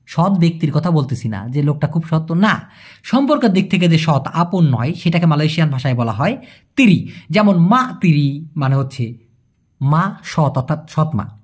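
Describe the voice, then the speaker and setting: A Malay language teacher gives a casual video lesson, explaining words through everyday examples in a husky, medium-pitched voice with lively intonation at a normal speed. The teacher poses rhetorical questions, answers them, and repeats words for emphasis.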